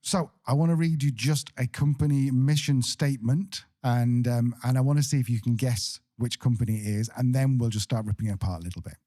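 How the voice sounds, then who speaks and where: A man's voice: medium pitch, fairly even intonation, a little fast, few pauses, dark tone. A man co-hosting a podcast in casual chat, joking and playfully sarcastic. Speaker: podcast co-host.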